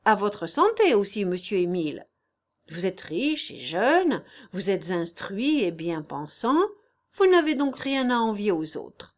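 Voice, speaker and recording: A woman reading the part of a devoted, talkative old housekeeper in an audiobook, in a homely, gently fussy manner. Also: medium pitch, very animated, unhurried.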